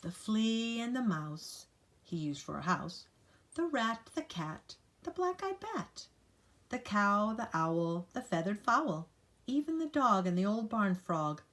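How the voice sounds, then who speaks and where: Very animated yet slow, an older woman with a medium-pitched, fairly bright voice reads a picture book aloud to small children. She sings through lists playfully with dramatic stress, pausing to chat directly with her young audience.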